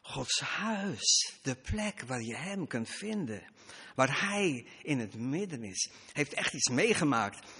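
A man's voice: mid-range voice, sing-song, slow, bright, forceful tone, husky, in a large hall. A man preaching a sermon, emphatic, his voice rising and dropping for stress.

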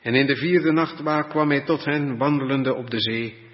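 A man preaching a sermon, reading Bible passages in a deliberate, old-fashioned way and explaining them. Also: mid-range voice. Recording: dull lo-fi recording with long reverb.

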